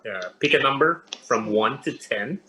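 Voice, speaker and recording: A man from the Philippines, a pastor, answering interview questions in a measured way with many pauses and fillers. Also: medium pitch, lively intonation, bright, forceful tone, rough recording. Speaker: interview guest. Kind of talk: casual interview.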